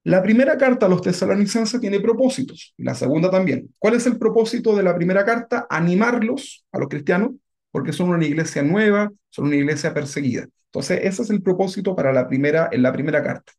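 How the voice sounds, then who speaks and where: A pastor teaching a Bible class in a relaxed, conversational way. His voice sits a little high for a man and has a gravelly, creaky edge. He keeps turning to the congregation with short tag questions. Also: fairly quick.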